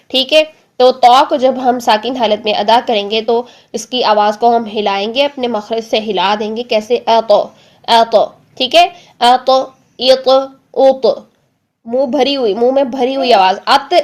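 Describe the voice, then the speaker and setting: Woman teacher going over recitation sounds one by one, kinda high voice, drags each sound out slow when she shows it. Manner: slow drawn-out demonstration of letter sounds, repeated drills; patient explaining with frequent checking-in phrases. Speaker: Tajweed teacher. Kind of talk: step-by-step recitation lesson.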